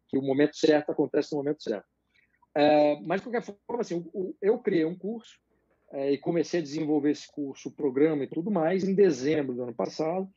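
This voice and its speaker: A man explaining political ideas as a guest in a live interview, measured and hesitant, with many fillers. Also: fairly high pitch, warm tone, husky, no room sound, lo-fi sound.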